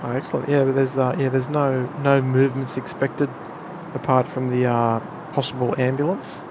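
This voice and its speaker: Male co-host, mid-pitched, casual chat, clear traffic noise behind. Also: level tone, moderate pace. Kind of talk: casual live plane-spotting chat. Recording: outdoor traffic and urban noise. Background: city and vehicle noise.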